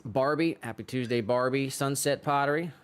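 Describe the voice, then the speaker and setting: Male stream co-host, mid-pitched, smooth clean tone, relaxed shout-out patter. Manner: easygoing, chatty, drawn-out fillers. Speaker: livestream co-host. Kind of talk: casual chat and chat shout-outs. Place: pottery studio.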